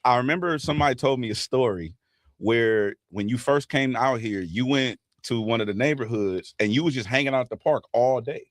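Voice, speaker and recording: A man hosting a casual chat, telling stories quickly and laughing as he goes. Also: medium pitch, dry recording, studio quality. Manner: fast, laughing storyteller. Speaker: host.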